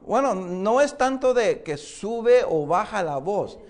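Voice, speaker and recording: A man teaches a Bible course in a classroom lecture. His voice sits a little high, and he keeps turning questions to the class. He often pauses and restarts his sentences. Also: expressive, darkish tone. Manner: explains with many questions to the class and "hermanos"; hesitant, frequent "eh" fillers and restarts.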